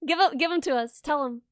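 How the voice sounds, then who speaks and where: A young woman with a high voice hosts a live soldering stream. She's bubbly, laughs often, and explains her work step by step.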